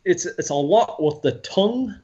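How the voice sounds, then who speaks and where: A lively man from Alabama talking casually as a podcast guest. He slips into voices to act out stories, his pitch jumping around. The audio is slightly dull. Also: normal speed. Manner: animated, slips into voices for quotes. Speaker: guest actor. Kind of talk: casual chat.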